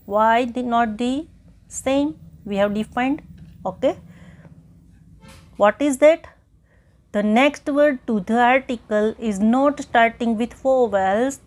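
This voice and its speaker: A woman's voice: a little high, a little mellow. A woman with an Indian English accent teaching an English grammar lesson. She explains patiently, repeats her points and keeps checking in with the listener.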